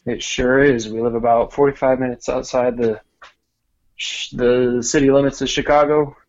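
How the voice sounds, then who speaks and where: A man of middling pitch speaks as a podcast guest in an easygoing, dryly humorous way. His audio sounds dull and slightly lo-fi, like a remote connection. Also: moderate pace. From born in Cameroon, raised in several countries. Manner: relaxed, wry and self-deprecating. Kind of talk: casual conversational interview.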